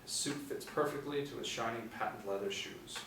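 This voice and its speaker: A brisk, medium-pitched man in his forties narrates screenplay stage directions from a script while sitting in a small room indoors. The distant mic gives the audio a roomy quality and a faint hiss.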